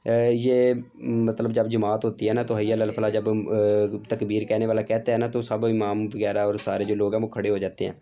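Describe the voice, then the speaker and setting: A man's voice: on the low side, completely flat delivery, moderate pace, vocal fry, hardly any pauses, mellow. A man teaching a religious lesson in an informal, repetitive way, full of fillers. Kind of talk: explanatory lesson.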